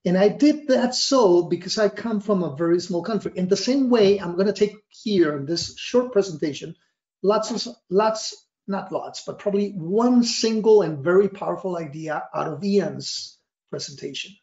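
A Costa Rican risk analysis trainer and consultant, a native Spanish speaker, gives a semi-scripted slide presentation from a small indoor office. His voice is higher-pitched with a darkish tone at normal speed, and the webcam recording sounds dull and roomy.

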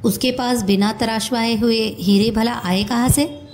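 A woman reading as a calm young male sleuth. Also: on the high side, a little slow, a little hiss or hum, lightly acted. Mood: calm questioning. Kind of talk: storybook reading.

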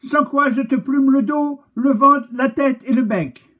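A man voicing an angry cat in a children's story, yelling threats in a shrill, husky voice. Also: unhurried, highs cut off. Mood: furious. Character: angry shrieking cat chasing a thief.

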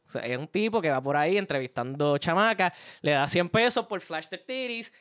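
High-voiced laid-back Puerto Rican man. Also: animated, a little fast, fairly bright tone. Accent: Puerto Rican Spanish. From Puerto Rico. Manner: laid-back, slangy, mixes in English. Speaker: podcast guest. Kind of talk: casual chat.

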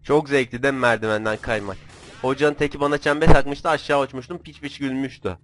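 A young man giving casual, joking commentary while playing a video game, with frequent swearing and sudden excited outbursts. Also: medium pitch, fairly quick, faint music behind. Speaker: gamer.

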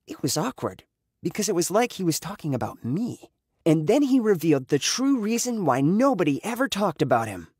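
A man's voice: medium pitch, husky, no room sound, studio quality. A young adult man reading a scripted first-person story with emotive delivery that rises on dramatic moments. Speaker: story narrator.

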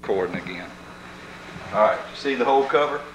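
A man's voice: medium pitch, expressive, a little fast, background noise. A man, chatting casually and explaining things step by step, heard through old camcorder audio. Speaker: family member filming home movies. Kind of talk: casual home video chatter. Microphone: built-in camcorder mic.

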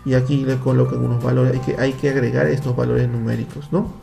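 Gravelly-voiced Peruvian teacher explaining step by step. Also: male voice, medium pitch, level tone, brisk, mellow, soft background music. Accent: Peruvian Spanish. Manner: patient, explains step by step with frequent tag questions. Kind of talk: screen-share computer lesson for children.

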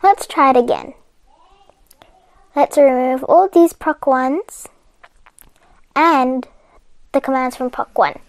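High-voiced woman calmly narrating a coding game. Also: slow pace, long pauses, dry recording. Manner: patient and chatty, laughing off her own slips. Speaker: coding tutorial host. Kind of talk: step-by-step game walkthrough narration.

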